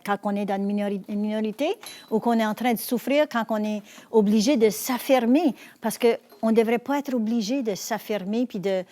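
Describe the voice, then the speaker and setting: A woman's voice: on the high side, darkish tone. A woman speaking in an earnest, encouraging way, often repeating words as she starts a thought. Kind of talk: reflective commentary.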